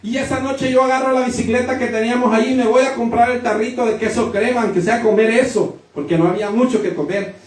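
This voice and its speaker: A man with a high voice preaches, moving from storytelling into forceful declarations. He is heard from some distance, in a room with plenty of echo. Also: steady tone, quick pace, hardly any pauses. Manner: storytelling, with rising emphatic declarations. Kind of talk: sermon. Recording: echoey room from a distant mic.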